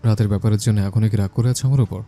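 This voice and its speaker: An actor playing a young husband who gently coaxes and apologizes to his wife in an audio drama. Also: on the low side, steady tone, racing, soft background music, close to an everyday voice. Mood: pleading. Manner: gentle, pleading. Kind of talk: Bengali audio drama acting.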